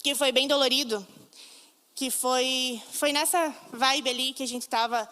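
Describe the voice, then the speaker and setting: A woman's voice: sits high, fairly even intonation, unhurried, bright, forceful tone. A Brazilian woman preaching a sermon, telling stories emphatically and acting out the voices she quotes. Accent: Brazilian Portuguese. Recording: long reverb of a hall.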